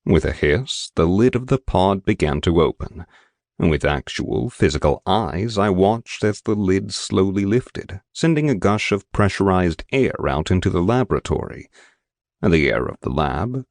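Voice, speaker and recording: Deep-voiced guy narrating a sci-fi audiobook, steady and measured, bone-dry studio sound. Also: dry recording. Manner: measured, steady storytelling with slow deliberate phrasing. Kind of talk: scripted first-person narration.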